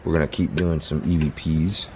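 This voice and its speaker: A man calling out questions to spirits on a bridge at night as an amateur ghost hunter, excitable and casual. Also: rumbling low, fairly quick. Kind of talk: casual ghost-hunting vlog. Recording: loud outdoor noise on camera audio.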